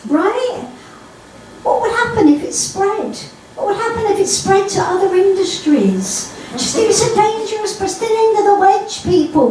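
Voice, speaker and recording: Cheeky high-voiced comedian woman. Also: mellow, slight background noise. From East London. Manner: chatty, cheeky, addresses the audience directly. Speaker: stand-up comedian. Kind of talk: stand-up comedy routine. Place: comedy stage. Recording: echoey room, mic far off.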